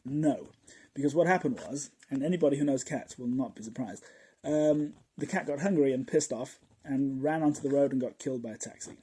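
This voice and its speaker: Chatty, husky-voiced podcast man. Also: medium pitch, fairly quick, dark tone, low-quality recording. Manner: chatty and rambling, chuckles often, drops to asides. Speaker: podcast host. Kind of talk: casual podcast monologue.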